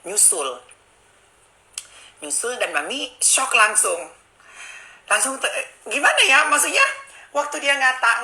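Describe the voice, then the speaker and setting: A woman chats straight to her online audience, confiding and animated. Her voice sits fairly low but leaps around in pitch. It has a sharp, forceful brightness. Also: rough recording. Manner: chatty, confiding, addresses viewers directly; animated, swings between hushed and excited. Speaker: live streamer. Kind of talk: casual storytelling to a live audience.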